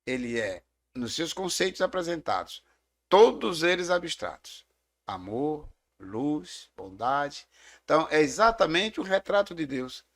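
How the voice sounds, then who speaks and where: A man's voice: a little high, big pitch swings, a little slow. A middle-aged man with a Brazilian Portuguese accent, a theology teacher speaking as a guest. He talks in a reflective, explanatory way and tells stories in a casual discussion.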